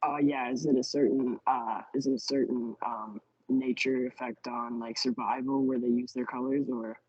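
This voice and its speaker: Young male student from New Brunswick. Slightly rough voice, tentative, casual, dull call audio. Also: medium pitch, normal speed, a little mellow, no echo. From New Brunswick, Canada. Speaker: student asking a question. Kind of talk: casual question. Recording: muffled video call audio.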